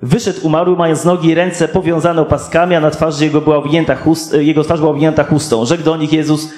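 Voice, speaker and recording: A man preaching a sermon, reading scripture slowly and stopping to explain it with repeated "tak?" asides. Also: fairly high pitch, level tone, darkish tone, reverberant. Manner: reads slowly with frequent rhetorical "tak?" asides.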